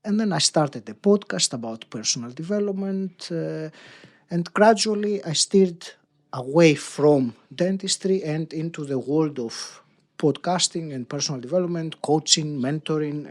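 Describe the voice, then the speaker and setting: Man in his fifties, reflective. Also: fairly high pitch. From Greece. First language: Greek. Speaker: podcast guest, coach. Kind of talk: interview answers.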